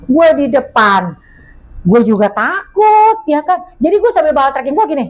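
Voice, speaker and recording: A woman, a guest who tells her story in an animated, slangy and dramatic way. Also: high-pitched, normal speed. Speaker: guest telling a mystical experience. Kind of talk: casual storytelling chat.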